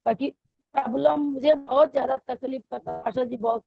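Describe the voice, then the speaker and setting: A high-voiced church member, her throat hoarse, haltingly tells her pastor her testimony, full of fillers and restarts. Her tone holds steady, the recording is muffled, and faint music plays in the background.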